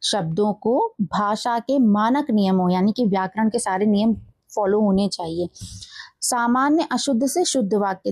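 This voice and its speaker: A woman teacher explains grammar for an exam, speaking slowly and deliberately and saying each example word twice. Her voice sits a little high, and the recording is dry and close, with no room sound. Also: darkish tone, no room sound. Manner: slow, careful word-by-word dictation, repeating each word. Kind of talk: exam-prep grammar lesson.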